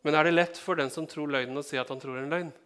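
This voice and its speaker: This Norwegian pastor preaches in a fairly high, fairly bright voice with fairly even intonation. He addresses the congregation conversationally, posing questions and dropping in light, joking asides.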